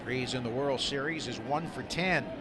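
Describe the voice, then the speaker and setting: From an outdoor ballpark broadcast booth, a man calls live baseball play-by-play for radio in short, clipped, descriptive phrases. His voice is mid-range and his pace moderate, with loud stadium noise in the background.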